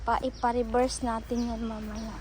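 A woman's voice: a little high, level tone, normal speed. A woman vlogging outdoors by the sea, chatty and playful. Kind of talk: casual outdoor vlog. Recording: loud waves and outdoor noise. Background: sea waves.

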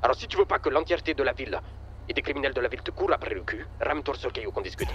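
Man as threatening gang boss, game roleplay, insistent, fast-talking, widely swinging pitch, faint car noise. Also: lively intonation, fairly bright tone, highs cut off, close to an everyday voice. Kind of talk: improvised online game roleplay.

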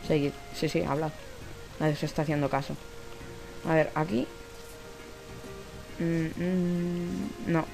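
A man's voice: fairly high pitch, level tone, slow pace, vocal fry, pauses often, over music, low-quality recording. A man with a Spanish accent from Spain giving casual gameplay commentary, rambling, talking to himself and swearing now and then. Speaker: let's play gamer.

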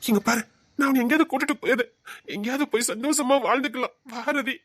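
A lovesick young man, played by a woman, begging his beloved in a rushed, urgent patter. The voice sits fairly high and is recorded dry and close. This is emotional audio-drama acting. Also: fairly bright tone, no room sound. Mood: pleading. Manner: pleading, repeats her name, emotional threats. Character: young man desperately in love, pleading.

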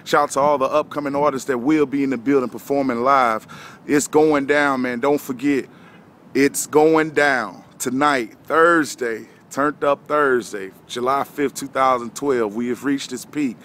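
Guy doing a hype man ad for a club night, slangy, mid voice, on his phone outside w some traffic rumble. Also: steady tone, moderate pace, hardly any pauses, fairly bright tone. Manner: hyped-up street slang, like a hype ad. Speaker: hype man, event promoter. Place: outdoors beside a brick wall at a parking lot. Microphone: phone at arm's length. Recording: noisy outdoor phone recording, traffic rumble.

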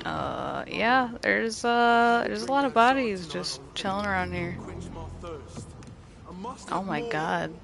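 Slow, gravelly game streamer. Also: mid-range voice, lively intonation, music in the background. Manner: slow, laid-back, reads tutorial text aloud. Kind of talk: casual live gameplay commentary.

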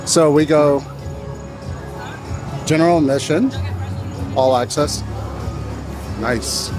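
A man's voice: on the high side, slow, music in the background. A man hosting a casual event vlog, narrating and chatting outdoors as he goes. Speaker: vlog host. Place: outdoors at a haunted attraction at night.

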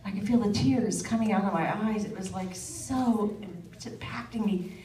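A woman guest speaker telling a story to an audience in a hall, animated and jumping into high quoted voices. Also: moderate pace, slight background noise. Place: event hall. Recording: echoey room, distant mic, crowd.

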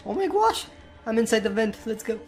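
A woman voicing Bluey, an excitable young girl puppy, narrating a game with shrieks and silly boasting. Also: a little high, a little fast. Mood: excitable scared. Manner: jumpy, shrieks when scared, silly boasting. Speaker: gamer narrating play. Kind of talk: voiced Roblox let's-play. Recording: game music underneath.

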